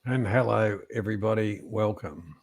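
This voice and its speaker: A man's voice: fairly low pitch, normal speed, darkish tone. A middle-aged man with an Australian accent, hosting in a casual, rambling, slangy way and telling anecdotes. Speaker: host of a trivia show.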